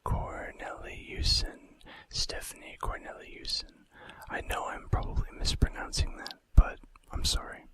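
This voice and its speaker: In this ASMR clip, a man whispers softly as he reads out fun facts. His whisper is breathy and unvoiced, and he takes his time, adding casual asides along the way.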